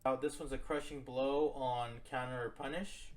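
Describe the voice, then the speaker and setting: A man's voice: mid-range voice, moderate pace. Gaming man swearing at losses. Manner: explains moves calmly, then swears and shouts in frustration. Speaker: gaming YouTuber. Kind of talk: casual gameplay commentary.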